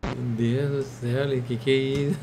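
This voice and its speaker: A man's voice: medium pitch, little pitch movement, normal speed, music in the background. A young man streaming a game, reacting casually with lots of exclamations and swearing. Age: young adult. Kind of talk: casual reactions during online gaming. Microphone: headset at a desk.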